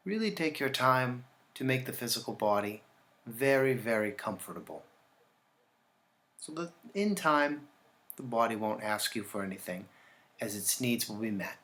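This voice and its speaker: A man with a mid-range voice teaches yoga nidra, leading a guided relaxation. He speaks calmly and instructively, leaving deliberate pauses.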